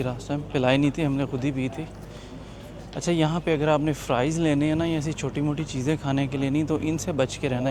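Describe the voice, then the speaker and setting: Strolling outdoors through a busy tourist waterfront, a young Pakistani travel vlogger chats casually and cracks jokes for his viewers. His voice is mid-range, and street noise and traffic run through the background.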